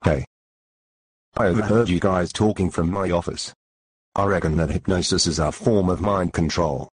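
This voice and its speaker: Synthetic man as a deep husky know-it-all. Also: fairly even intonation, moderate pace, dry recording. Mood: assertive. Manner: blunt, assertive. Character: blunt, know-it-all male coworker.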